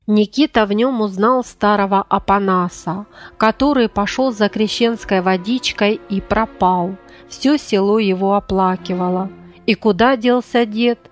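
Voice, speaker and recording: A woman reading a folk tale aloud in an even, measured narrating voice. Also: mid-range voice. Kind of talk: storytelling narration.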